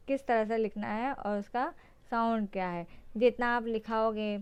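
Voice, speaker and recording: A woman's voice: medium pitch, a little mellow, smooth. A woman hosting a phonics lesson for parents, spelling words out letter by letter. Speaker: teacher and channel host.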